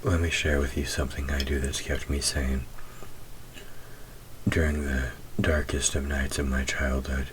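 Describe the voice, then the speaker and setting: Faint noise and poor audio sit under this roleplay audio drama, where an actor plays a demon whose voice is extremely deep. The delivery is slow and close, breathy and sliding into whispers, as he flirts and teases in a gentle, soothing way.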